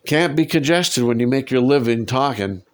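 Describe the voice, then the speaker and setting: Despite a head cold and a lingering cough, this man walks through a Bible passage conversationally at a moderate pace, his mid-range voice expressive. He stays warm and reflective, asking listeners rhetorical questions along the way.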